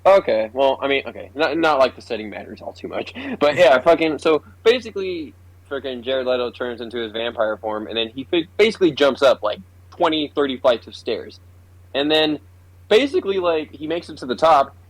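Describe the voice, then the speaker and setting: A young man co-hosting a podcast in casual chat, excitable and swearing, laughing as he retells scenes. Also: mid-range voice, brisk, no room sound, rough recording. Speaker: podcast co-host.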